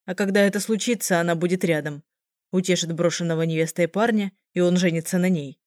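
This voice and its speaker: A woman's voice: fairly low pitch, steady tone, fast talker, a little mellow, dry recording, clean studio sound, close to an everyday voice. Woman reading as a stern young man. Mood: accusing. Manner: firm, reproachful. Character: stern young man scolding his sister.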